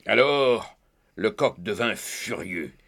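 A man narrating a children's storybook tale in a lively, expressive reading. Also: lowish voice, slow, gravelly. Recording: faint background music.

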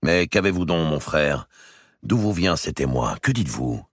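A man's voice: a bass voice, big pitch swings, normal speed, slightly rough, no echo, studio quality, voice pushed up, full character voice. A man voicing a medieval king in a storybook reading, urgent and commanding. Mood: bewildered. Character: medieval male king, bewildered then commanding.

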